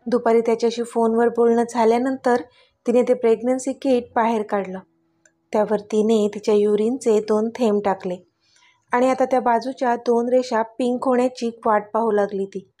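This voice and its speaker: A woman narrates a serialized romance with a gentle, emotive delivery and a somewhat high voice. Faint background music plays beneath her reading. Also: little pitch movement, normal speed. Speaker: storyteller.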